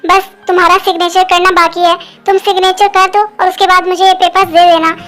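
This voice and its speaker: A woman voicing a hurt young husband in a Hindi fan dub, talking slowly and flatly. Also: very high-pitched, faint music behind. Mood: cold resigned.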